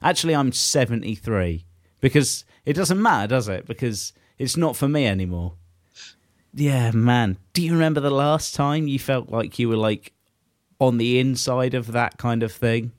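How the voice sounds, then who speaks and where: A man in his mid twenties chatting casually on a podcast, rambling and animated, swearing freely. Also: medium pitch, normal speed, dry recording, clean studio sound. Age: 20s. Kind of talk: casual chat.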